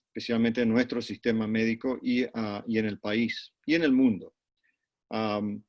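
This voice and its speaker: Middle-aged man from Panama, muffled call. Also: mid-range voice. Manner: measured, restarts and repeated words. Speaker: neurologist and guest. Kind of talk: interview answers over video call. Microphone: video call. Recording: dull lo-fi call audio.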